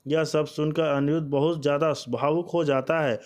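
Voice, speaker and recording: A man's voice: fairly high pitch, little pitch movement, moderate pace, a little mellow. A man narrating a TV serial recap, calling viewers his friends, with loose, stumbling phrasing.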